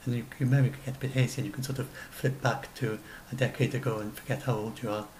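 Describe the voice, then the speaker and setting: Over slight background noise, a sixty-something science blogger talks fast in a steady, mid-range, slightly mellow voice. Alone in a small room at home, he rambles through his notes, correcting himself often, while a webcam on his desk records him.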